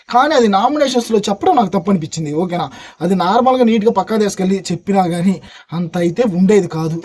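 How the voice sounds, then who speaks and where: Fast, husky-voiced man reviewing eagerly. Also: high voice. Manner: animated, addresses viewers as buddies. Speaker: reality show reviewer. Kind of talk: casual chat review.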